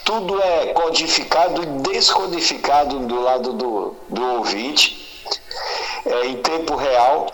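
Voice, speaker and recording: A man's voice: medium pitch, slow, fairly bright tone, poor audio. A man calling in by phone, heard over a speakerphone, patiently explaining something with everyday comparisons. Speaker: radio guest on the phone. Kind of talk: explaining by phone in casual conversation.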